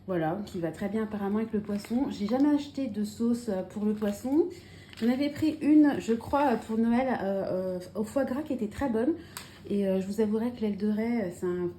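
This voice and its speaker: Chatty woman, mellow voice, echoey room. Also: fairly high pitch, slight background noise. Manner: chatty, many fillers and restarts. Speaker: family vlogger. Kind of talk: casual haul vlog. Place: home. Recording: echoey room with faint ambience.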